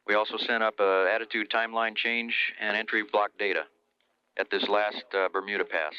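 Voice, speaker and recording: A man's voice: lowish voice, fairly even intonation, a little fast, clear, resonant tone. A man working as a mission control communicator, passing procedural messages over a radio. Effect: heard over a radio. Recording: slightly dull radio transmission.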